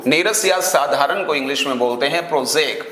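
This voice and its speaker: Guy teaching english vocab in hindi, bit high voice, echoey room, keeps asking and answering himself. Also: brisk, pushed and bright. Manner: explains with Hindi memory tricks, mixing in English phrases; asks students questions and answers himself. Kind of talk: online class teaching.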